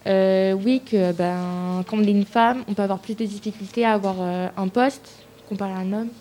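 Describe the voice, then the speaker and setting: A woman's voice: mid-range voice, steady tone, moderate pace, mellow, a little hiss or hum. A woman guest on a radio discussion answering hesitantly, with fillers. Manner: hesitant, starting with "euh, ben".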